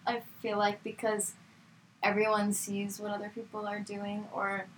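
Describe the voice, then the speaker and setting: A young adult woman, a guest on a casual podcast chat, animated and laughing easily. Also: mid-range voice, moderate pace, slight background noise, low-quality recording.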